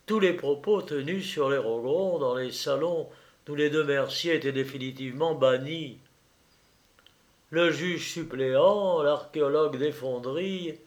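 A man narrating a classic novel as an audiobook, slow and measured. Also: on the high side.

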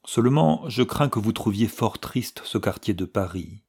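A man's voice: lowish voice, lively intonation, moderate pace, darkish tone, breathy edge. Male reader as earnest young suitor, courteous, audiobook. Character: earnest young male law student, smitten.

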